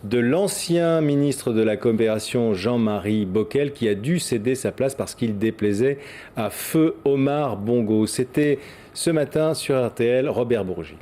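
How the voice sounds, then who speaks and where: A male news anchor with a mellow, warm voice, presenting in the studio. He speaks in a measured way and pauses with fillers between phrases. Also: mid-range voice, lively intonation.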